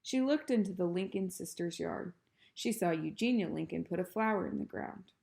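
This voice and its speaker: A woman reading a children's book aloud in a calm, even storytelling manner. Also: fairly low pitch, moderate pace, vocal fry. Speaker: reader.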